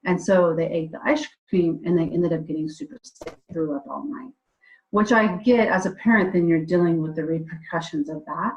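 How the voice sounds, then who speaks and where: A woman's voice: on the low side, moderate pace, highs cut off, slight background noise. A woman co-hosting a casual podcast over a remote call, telling stories with quoted dialogue. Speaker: co-host. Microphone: remote call mic. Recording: audio dropouts on a call.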